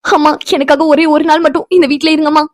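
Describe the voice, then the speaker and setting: Woman doing a young woman in a cartoon who keeps begging, high and quick, dry close sound. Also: flat delivery, no room sound, close to an everyday voice. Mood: pleading. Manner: pleading, begging, earnest. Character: young woman Pavithra, desperate and pleading. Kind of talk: cartoon voice acting.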